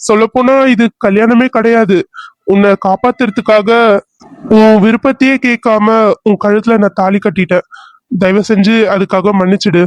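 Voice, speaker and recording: Apologetic young husband in a cartoon serial, voiced by a man; gentle, reassuring. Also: sits high, fairly even intonation, normal speed, no room sound, close to an everyday voice. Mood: earnest.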